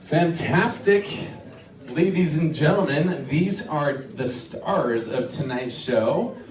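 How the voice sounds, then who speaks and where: A man hosting a live stage hypnosis show, giving commanding, repetitive instructions with drawn-out phrases. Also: on the high side, animated, distant mic. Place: live show venue with audience. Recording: echoey live stage, crowd noise.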